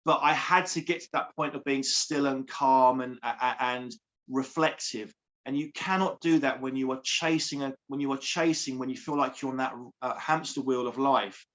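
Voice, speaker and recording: A man's voice: medium pitch, steady tone, moderate pace, a bit bright. A man, a coach speaking earnestly as an interview guest, repeating phrases for emphasis. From England. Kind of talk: heartfelt interview.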